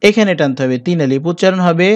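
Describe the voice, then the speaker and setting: Male Quran teacher, high-pitched, methodical spelling drills with slow chanted recitation. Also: animated, lo-fi sound. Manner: slow, drawn-out chanting when reciting whole words; patient, methodical instructions in between. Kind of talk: spelling out Arabic letters and vowels for learners.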